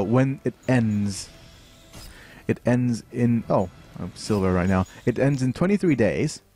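This is live game commentary from a young man from Thailand whose mid-range, slightly mellow voice carries a light Thai accent. He stumbles through frequent fillers and restarts as he explains the game on stream.

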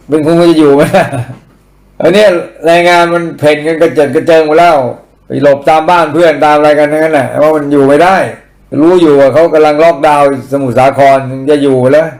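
A man's voice: fairly high pitch, darkish tone. A man giving blunt, profane political commentary in casual rant style, mocking and crude.

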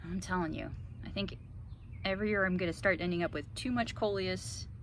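A woman in her thirties who vlogs about gardening leads a casual, talkative tour of her garden, recorded on a handheld phone outdoors, with cheerful comments thrown in. She speaks a little fast, at a fairly low pitch. The clip has outdoor ambient noise.

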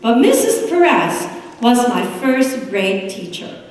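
Expressive woman preacher with a Puerto Rican accent. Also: on the high side, slow pace. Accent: Puerto Rican Spanish. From United States. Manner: expressive, gesturing at a pulpit. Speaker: pastor. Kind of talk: sermon. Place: large church sanctuary. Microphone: room mic from a distance. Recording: echoey sanctuary from far off.

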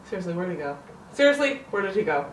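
A woman's voice: on the low side, sing-song, fast talker, reverberant, far from the mic, a little hiss or hum, low-quality recording. A woman giving casual gaming commentary, nervous and jokey and easily spooked. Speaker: gamer.

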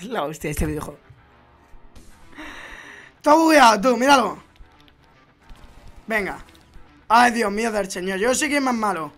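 Excitable young Spanish gaming commentator. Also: male voice, sits high, fairly quick, soft background music. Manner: excitable, laughing, jokey reactions with sudden loud outbursts. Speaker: gaming video host. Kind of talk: casual gameplay commentary.

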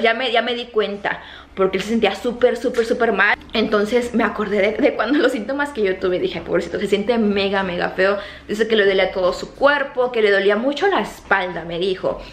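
Talking casually into a camera held near her face, this vlogger in her thirties speaks from her home kitchen with a mid-range voice. She's from Mexico, and her Mexican Spanish accent has been softened toward neutral. Chatty and gesturing with her hands, she repeats words and uses plenty of fillers, against an echoey room with a faint hum.

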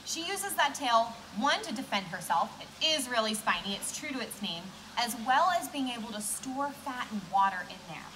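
A bright, lively voice from a young woman giving a cheery zookeeper talk. Her pitch swings freely as she explains things simply for kids. A light bed of room noise sits behind her. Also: normal speed, hardly any pauses, rough recording. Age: 20s. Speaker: zookeeper presenting animal talks at a children's science center. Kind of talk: educational keeper talk to camera for children. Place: indoor room beside a reptile tank.

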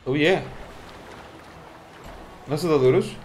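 Excitable young male streamer with bursts of yelling and a somewhat high voice. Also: takes it slowly, slight background noise. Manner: loud excitable outbursts, shrieking yells. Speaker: gaming streamer. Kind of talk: casual let's-play commentary.

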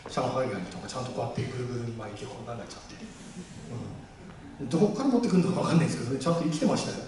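Man, rally speaker, quick and lively with a raised pitch, heard from a distant mic in a booming hall. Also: noisy background. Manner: animated, jokey, acts out quoted voices. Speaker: guest speaker at a campaign rally. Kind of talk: public speech to a live audience. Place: large public hall. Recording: echoey hall, mic far off.

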